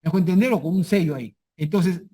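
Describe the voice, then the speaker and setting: A man's voice: sits high, quick pace, mellow, husky. A man teaching a class who keeps checking whether students follow and repeats key terms for emphasis. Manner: checks understanding often with repeated questions. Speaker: lecturer. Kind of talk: classroom lecture.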